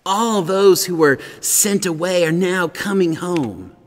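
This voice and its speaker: A middle-aged man preaching a sermon as pastor, earnest and growing animated as he reads, in a large empty church sanctuary. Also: high voice, slow pace, big-room sound.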